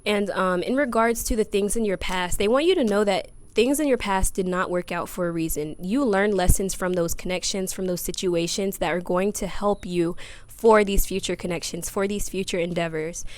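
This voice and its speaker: A woman's voice: mid-range voice, moderate pace. Chatty woman giving a tarot reading. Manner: chatty, addresses viewers as y'all and baby. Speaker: tarot reader. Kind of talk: casual tarot reading to camera. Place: outdoors by a grassy yard.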